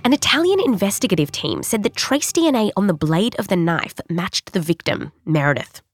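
A woman's voice: medium pitch, very animated, brisk, no echo, clean studio sound, soft background music. A woman with an Australian accent narrating a scripted science documentary in a conversational storytelling way, leaning on key words. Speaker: host and narrator.

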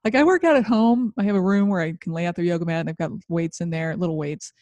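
A woman co-hosting a business podcast in a casual chat, agreeable and quick to back up her partner. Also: fairly low pitch, a little mellow, no room sound. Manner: agreeable, backs up her partner, talks through her routine. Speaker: podcast co-host.

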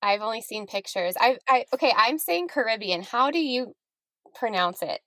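A woman's voice: a little high, expressive, normal speed, bright, forceful tone, no room sound. A woman hosting a podcast, chatting casually with guests and laughing easily. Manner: friendly, laughing, chatty with restarts. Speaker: podcast host. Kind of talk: casual interview chat.

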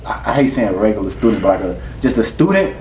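A man's voice: on the low side, big pitch swings, fast, a little mellow. A man in his twenties from the United States in casual, slangy, profane group conversation. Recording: roomy, distant from mic, faint noise.

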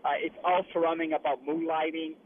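A man's voice: on the high side, little pitch movement, a little fast. A man chatting casually as a radio guest, calling in from inside a truck cab as it travels. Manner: speaking from inside a truck cab while riding. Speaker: guest, liquor brand representative. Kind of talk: casual radio interview by phone. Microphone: phone call. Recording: tinny phone line with clear noise. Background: truck cab noise.

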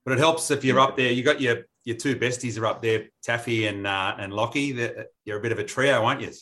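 A man's voice: mid-range voice, brisk, bright, forceful tone. A man with an Australian accent co-hosting a podcast, chatting and reading sponsor plugs in a casual, matey way. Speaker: podcast co-host. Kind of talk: casual presenting and sponsor reads.

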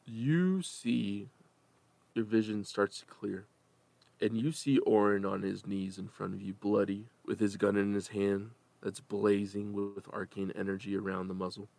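A man narrating a tabletop role-playing game as game master, telling the scene dramatically with pauses between phrases. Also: fairly low pitch, fairly even intonation, vocal fry, a little mellow, no echo.

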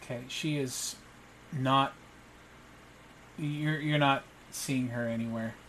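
A young adult man narrating calmly as game master of an online tabletop game, with small restarts. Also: mid-range voice, slow pace, a little hiss or hum.

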